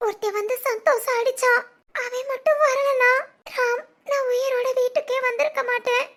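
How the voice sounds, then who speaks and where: A woman voices a frightened young bride who keeps begging through tears. Her voice sits extremely high and thin. This is amateur family drama voice acting. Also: steady tone, normal speed, a bit bright. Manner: pleading, repeats her partner's name. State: crying.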